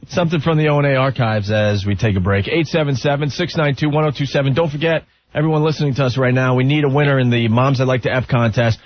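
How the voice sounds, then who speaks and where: A man's voice: mid-range voice, fast. A man co-hosting a radio show, chatting breezily and deadpanning through a prank phone call. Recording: dull radio aircheck.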